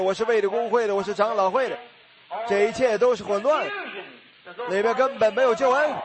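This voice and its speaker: A man preaching a sermon with fervent exclamations and rhetorical questions. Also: high voice.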